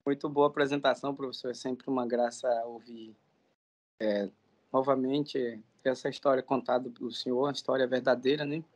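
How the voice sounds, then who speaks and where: A man's voice: medium pitch, steady tone, moderate pace. A man in a meeting giving friendly, hesitant comments and telling an anecdote. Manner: friendly, hesitant, many fillers. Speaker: meeting participant.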